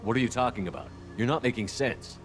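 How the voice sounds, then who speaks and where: An actor playing a direct, no-nonsense squad commander asking questions in a science fiction game. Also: male voice, mid-range voice, fast talker, faint music behind, lightly acted. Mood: puzzled, direct. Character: brisk, commanding male space soldier leading an investigation.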